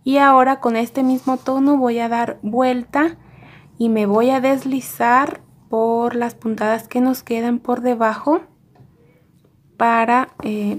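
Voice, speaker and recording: A woman teaching embroidery step by step in a calm, methodical way. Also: a little high. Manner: calm, methodical, repeating each stitch step. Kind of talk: step-by-step craft tutorial.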